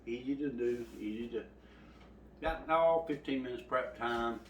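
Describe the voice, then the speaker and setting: A man's voice: mid-range voice, moderate pace, fairly bright tone, distant mic, a little hiss or hum. A man hosting a home cooking video, folksy and rambling as he talks to his viewers. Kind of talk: casual cooking vlog. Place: home kitchen. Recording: echoey room, voice from off the mic.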